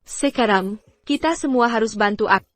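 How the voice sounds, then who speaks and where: Actress as confident higher-voiced businesswoman. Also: animated, normal speed, no echo, close to an everyday voice. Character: confident, enterprising businesswoman, drama heroine. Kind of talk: dubbed drama acting. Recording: background music.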